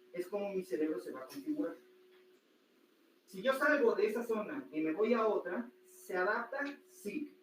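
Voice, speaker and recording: High-voiced man lecturing a class. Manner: animated, quizzes the class with rhetorical questions. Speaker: anatomy teacher. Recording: echoey room, distant mic, noisy.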